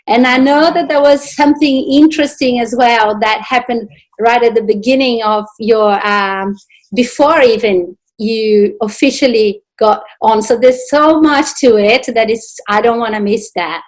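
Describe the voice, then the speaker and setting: A woman's voice: on the high side, a little slow. A woman hosting a podcast, introducing her guest and asking questions in an eager way. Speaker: podcast host. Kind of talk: interview host introduction and questions. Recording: clear music playing behind her.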